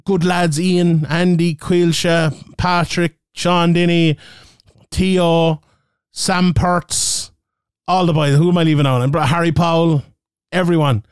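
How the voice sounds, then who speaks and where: Smooth-voiced Irish man hosting. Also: on the high side, slow, dry recording, studio quality. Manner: relaxed, chatty, filler-heavy. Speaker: podcast host. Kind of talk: casual podcast chat, show sign-off.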